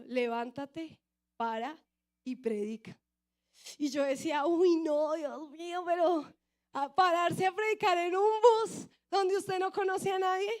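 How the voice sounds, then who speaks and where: A young woman with a Colombian Bogotá accent preaching a sermon and telling her own testimony, often asking the audience questions. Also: sits high. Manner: lively storyteller, asks the audience questions. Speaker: youth preacher.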